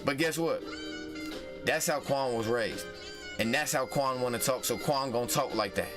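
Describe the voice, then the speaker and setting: A man's voice: mid-range voice, moderate pace, music in the background. A man hosting a casual advice vlog, heated and profane, who repeats phrases for emphasis. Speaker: vlog host.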